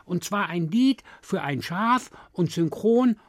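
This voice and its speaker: A woman's voice: lowish voice, lively intonation, slow, dry recording, studio quality. A woman co-hosting a radio show, bantering playfully and chanting silly rhythmic verses. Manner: goofy, sings in a rhythmic chant. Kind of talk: playful studio banter and sung comic verses.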